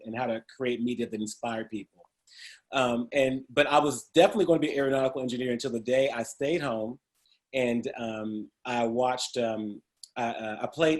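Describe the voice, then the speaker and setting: A middle-aged man telling stories about his life in a casual interview, humorous and often laughing as he talks. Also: medium pitch. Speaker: interview guest. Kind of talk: storytelling in a casual conversation.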